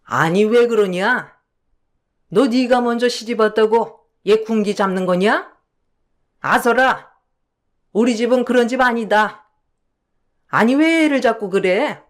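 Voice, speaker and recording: A stern older mother-in-law drags out each reproach in slow, scolding speech, as a woman narrator puts her on. She sides with her younger daughter-in-law. It is read aloud like a radio drama. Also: fairly high pitch.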